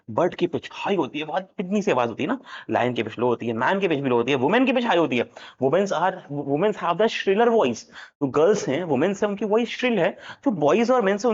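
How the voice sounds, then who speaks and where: A man teaching a lesson, playful and jokey, switching between Hindi and English. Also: on the high side. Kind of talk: animated classroom lecture. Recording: dull lo-fi sound.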